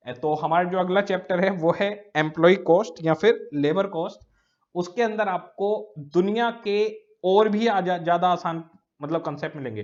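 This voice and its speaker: Lo-fi recording of a slow-explaining male teacher. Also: high voice. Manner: explains slowly, repeats key words, checks understanding. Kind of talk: recorded classroom lecture. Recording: dull lo-fi lecture recording.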